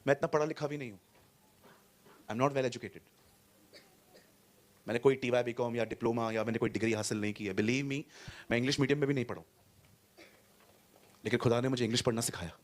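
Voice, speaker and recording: A male pastor preaching a sermon to a congregation in a church hall. He is animated, swings between loud and soft, and mixes English words into his speech. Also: medium pitch, a little fast, long pauses.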